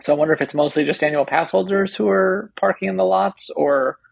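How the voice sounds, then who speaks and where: A man co-hosting a casual podcast, making dry, wry remarks in a gravelly, husky voice. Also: sits high, fairly quick, no echo, poor audio. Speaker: podcast co-host.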